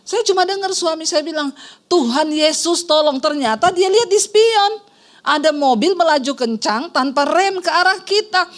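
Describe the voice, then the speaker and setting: Speaking at normal speed with a very high voice and lively intonation, a middle-aged woman pastor with an Indonesian accent delivers a sermon. Her storytelling centers on a personal testimony, where she acts out the voices and addresses listeners as "Saudara."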